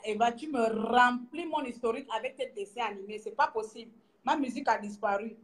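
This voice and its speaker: A middle-aged woman from Gabon with a Gabonese French accent, teasing her viewers in a lively casual vlog, laughing often and trailing off as she searches for words. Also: fairly high pitch, brisk. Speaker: vlogger. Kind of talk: casual mocking commentary to viewers.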